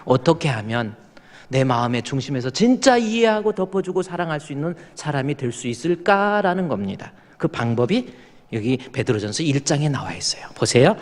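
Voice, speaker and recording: A pastor with a Korean accent and a somewhat high voice preaches fairly quickly, his intonation lively. He relates stories in a down-to-earth way, mimicking little scenes from members of his church. The sanctuary's large space adds a long reverb.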